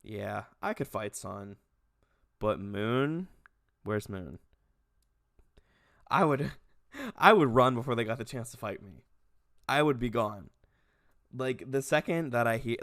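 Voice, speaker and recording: A man's voice: mid-range voice, fairly bright tone, dry recording, clean studio sound. A young man in a casual comedy vlog, ranting animatedly with lots of swearing and laughter. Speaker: video creator.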